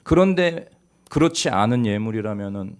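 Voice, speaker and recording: Korean pastor preaching, hushed to booming. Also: male voice, animated, moderate pace. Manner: swings from hushed, low delivery to loud, exhorting peaks; earnest, urging, with light jokes. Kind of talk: Sunday sermon. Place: church sanctuary.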